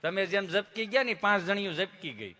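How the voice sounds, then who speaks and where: A man's voice: high voice, animated, normal speed, bright, forceful tone. A man with a Kathiawadi Gujarati accent telling folksy stand-up jokes and laughing at his own jokes. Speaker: comedian.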